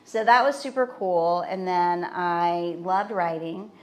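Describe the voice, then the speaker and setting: A middle-aged woman from Ohio, a guest on a podcast, telling her story in a warm, reflective, conversational way. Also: on the low side, takes it slowly. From Norwood, Ohio, USA.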